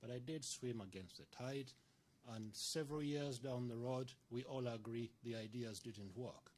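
A man from Uganda, a report author, answering at a panel discussion in a large conference room, earnest and argumentative, clearing his throat often. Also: mid-range voice, normal speed, darkish tone.

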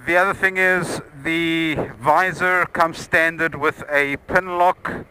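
A man's voice: on the high side, steady tone, slow, bright, forceful tone, slight background noise. Man talking inside closed motorcycle helmet. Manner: methodical, repeats points for emphasis. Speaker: motorcycle vlogger. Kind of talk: casual product review.

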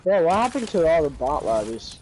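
A man gamer in casual voice chat, excitable and complaining about the match. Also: on the high side, brisk, slight background noise, low-quality recording. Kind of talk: casual voice chat while gaming.

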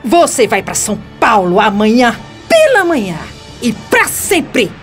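Over background music, this domineering Brazilian villainess talks in a high voice with huge pitch swings, at a measured pace. Venomous and scheming, she sounds mocking and emphatic, like a radio soap character.

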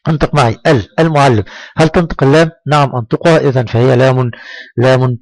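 A man's voice: mid-range voice, fast talker, gravelly, no room sound, poor audio. A man teaching a primary school lesson, stretching out words syllable by syllable and praising his pupils as he drills them. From Egypt.

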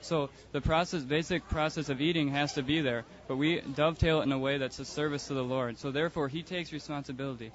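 Man in an outdoor debate, earnest, calm, a bit high-pitched, muffled lo-fi audio. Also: quick pace, few pauses. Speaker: passerby in a religious debate. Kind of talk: street debate. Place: outdoors on a city street.

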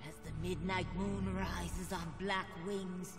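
An actress voicing a creepy old woman who speaks slow, ominous prophecies in a game. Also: on the low side, fairly even intonation. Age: older. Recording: game audio over music.

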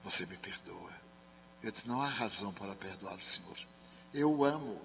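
A Spiritist speaker and medium from Brazil, a man, telling a personal story at a seminar, acting out the dialogue and dropping to soft murmurs when quoting others. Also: fairly low pitch, lively intonation, fairly quick. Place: large sports and culture hall. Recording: reverberant hall, faint hum.

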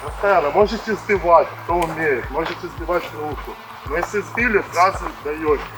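A man with a high voice gives informal exercise instruction as a fitness coach. Clear music runs behind his speech. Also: moderate pace, poor audio.

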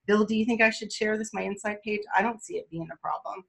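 A woman, talking excitedly and chattily on a video call about her mobile notary work, often laughing and rambling. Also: medium pitch, fast, vocal fry. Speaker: mobile notary guest speaker. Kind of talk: excited casual webinar talk.

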